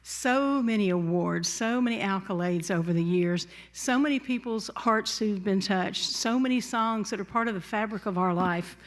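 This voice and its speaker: A woman's voice: mid-range voice, moderate pace, few pauses. A woman emceeing an event, introducing the guests of honor with effusive, gushing praise. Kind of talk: stage introduction. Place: on stage at a public event.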